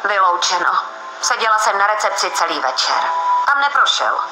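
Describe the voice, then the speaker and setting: A woman's voice: medium pitch, big pitch swings, music in the background, natural voice, rough recording. A woman voicing a composed hotel receptionist who speaks soothingly in an audio game. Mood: calm.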